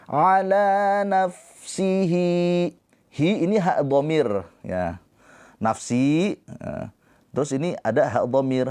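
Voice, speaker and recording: A man teaching tajwid on a live stream, explaining slowly and patiently and breaking into drawn-out chanted recitation. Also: mid-range voice, a little mellow. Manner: talks to viewers in the comments.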